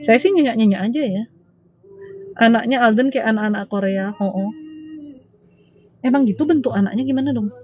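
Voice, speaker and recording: A woman's voice: fairly high pitch, a little fast, pauses often, a little mellow. A woman with a Balinese Indonesian accent, hosting a live stream as a spiritual healer in a chatty, teasing way and calling viewers dear. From Bali, Indonesia. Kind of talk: casual live-stream chat.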